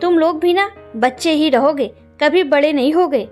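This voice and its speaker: A woman's voice: high-pitched, moderate pace, darkish tone, faint music behind, lightly acted. A woman voicing a middle-aged mother who scolds her grown children. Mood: exasperated.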